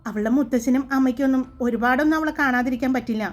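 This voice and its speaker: A woman voicing a lively, chatty young woman who talks in an animated, teasing way. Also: high-pitched, rapid-fire, close to an everyday voice. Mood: explaining.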